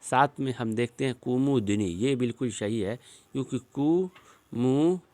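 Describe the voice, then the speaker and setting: A man teaching an exam-prep lesson, working through spelling questions shown on a screen and slowly repeating each word as he explains it. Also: medium pitch, a little mellow, no room sound.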